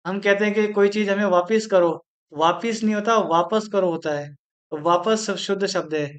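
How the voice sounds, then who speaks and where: A man teaching a Hindi spelling lesson for exam preparation, slowly repeating each word and explaining its correct form. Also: high-pitched, a bit bright. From India.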